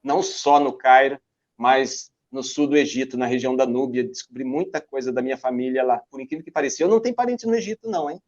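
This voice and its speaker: A man's voice: medium pitch, quick pace, darkish tone. An older man from Brazil with a Brazilian Portuguese accent, talking as an interview guest about his backpacking travels. He is an enthusiastic storyteller who poses rhetorical questions and answers them himself. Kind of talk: casual interview over a video call. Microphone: video call. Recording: lo-fi video call audio.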